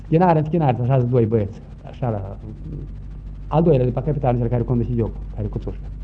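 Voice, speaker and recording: An older man from Romania recounting old village customs in an interview, telling it vividly and acting out shouts and sounds. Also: medium pitch. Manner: lively, acts out shouts and sounds. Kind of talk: folk storytelling. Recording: dull lo-fi recording, faint noise.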